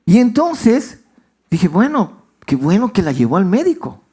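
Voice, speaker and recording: A warm, husky-voiced male pastor preaches unhurriedly in church, his pitch rising and falling dramatically. His sermon is conversational storytelling, and he asks the congregation questions along the way.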